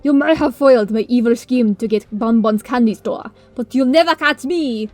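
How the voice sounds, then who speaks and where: A woman's voice: on the high side, moderate pace, darkish tone, no echo, close to an everyday voice. A woman voicing a boastful male unicorn villain, gloating in a hammy mustache-twirling way, in a story reading. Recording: music under the voice.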